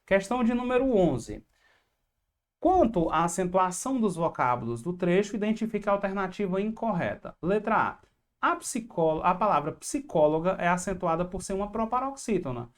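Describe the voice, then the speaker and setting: A woman's voice: medium pitch, big pitch swings, normal speed. A woman giving an online exam-prep lesson, explaining step by step, asking questions and answering them herself, with chatty asides to her students.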